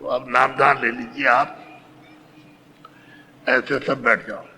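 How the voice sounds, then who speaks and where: A man's voice: mid-range voice, fairly even intonation, takes it slowly, bright, forceful tone, poor audio. A man giving a devotional sermon to a gathering of followers, teaching and instructing them directly. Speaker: spiritual teacher giving initiation. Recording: faint background noise.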